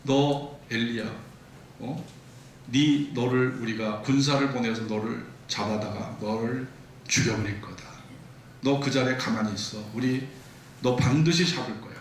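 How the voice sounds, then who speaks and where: A man's voice: mid-range voice, unhurried, distant mic, slight background noise, lightly acted. A man acting out a scornful queen who makes blunt, menacing threats, heard in an echoey church hall.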